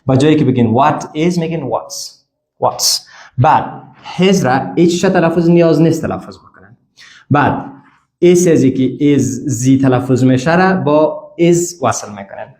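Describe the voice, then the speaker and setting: A man's voice: fairly high pitch, animated, a little mellow. Man teaching in an echoey classroom. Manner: explains slowly, repeating example phrases several times. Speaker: English teacher. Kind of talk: classroom language lesson.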